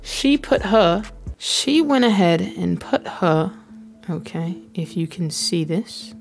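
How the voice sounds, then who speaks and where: A woman's voice: lowish voice, animated, slow, vocal fry, soft background music. A woman hosting her own channel, giving playful, joking commentary over basketball footage and slipping into mock slang. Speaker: host analyzing basketball footage.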